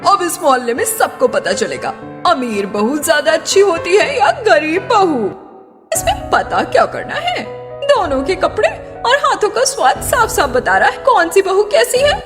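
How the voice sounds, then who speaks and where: A woman voicing gossipy, catty neighbourhood housewives who taunt and judge in an animated family story. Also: very high-pitched, normal speed. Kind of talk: Hindi animated moral-story acting. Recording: long reverb, loud background music.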